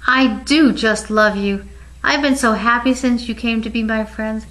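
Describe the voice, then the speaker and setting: A shy, tender-hearted little girl doll, voiced by a woman reading a storybook. She speaks high and pleading, fretful and quick to worry. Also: fairly even intonation, a bit bright. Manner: timid and pleading.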